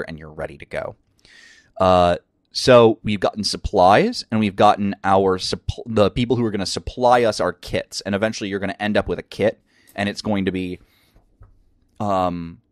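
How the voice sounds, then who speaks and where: A man's voice: low-pitched, dry recording, studio quality. A man with a scratchy voice hosting a casual crafting tutorial, enthusiastic and rambling with lots of fillers, from a craft room at home. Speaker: crafting channel host.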